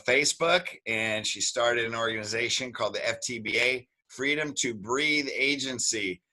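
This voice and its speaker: A man hosts a podcast in a casual, rambling way, cracking small jokes as he goes. His voice is bright and forward. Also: mid-range voice, rough recording. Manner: rambling, jokey, upbeat. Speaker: podcast host.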